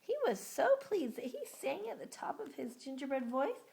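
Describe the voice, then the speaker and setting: A woman reading a picture book aloud to young children in an animated way, pausing to ask them questions. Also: sits high, vocal fry. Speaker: storybook reader.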